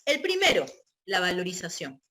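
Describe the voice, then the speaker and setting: A woman's voice: lowish voice, huge pitch swings, normal speed, bright, forceful tone. A woman giving an online real estate training lecture, explaining step by step and checking in with her listeners. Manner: explanatory, checks in with tag questions.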